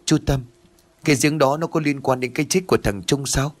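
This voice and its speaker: A man's voice: medium pitch, a little fast, voice pushed up, lightly acted. A man voicing an earnest young man pleading for the truth in an audio ghost story.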